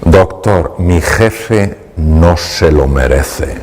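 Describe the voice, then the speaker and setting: A man voicing a weary, stubborn female patient, speaking slowly and reluctantly. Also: low voice, long reverb tail, exaggerated voice. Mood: grudging. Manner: slow, flat and reluctant.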